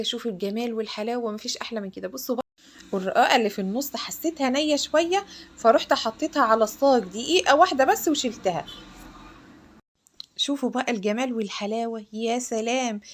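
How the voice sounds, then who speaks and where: A woman's voice: on the high side, darkish tone. A woman with an Egyptian accent hosting a home cooking tutorial in her kitchen, chatting directly to viewers as she works. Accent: Egyptian Arabic. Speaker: cooking show host.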